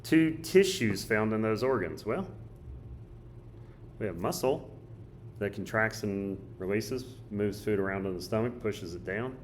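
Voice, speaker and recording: A male teacher with a hoarse, choked-up voice, casually thinking aloud as he walks through a study guide. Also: fairly low pitch, lively intonation, unhurried, slight background noise. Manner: casual, thinks aloud while drawing and writing. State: hoarse, coughing. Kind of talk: recorded study guide walkthrough.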